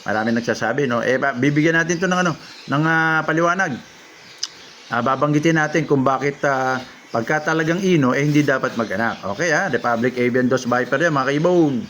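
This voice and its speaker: A man with a mid-range, slightly fast voice and a fairly bright tone, with a little hiss or hum in the audio. He breeds lovebirds and is on a casual livestream, reading out viewers' names and comments and then reacting to them.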